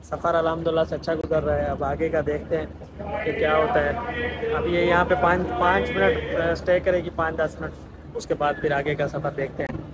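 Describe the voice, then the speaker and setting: A man's voice: a little high, level tone, a little fast, over a noisy crowd, low-quality recording. A man with a Pakistani Urdu accent, chatting casually as he vlogs a train trip from a station platform and carriage. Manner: chatty, teasing, narrates as he films. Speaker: vlogger. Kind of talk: casual travel vlog.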